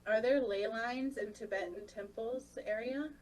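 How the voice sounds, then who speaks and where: A woman leading a guided spiritual channeling session, speaking in short, solemn, halting phrases. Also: fairly high pitch, a little mellow. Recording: distant microphone, constant background noise.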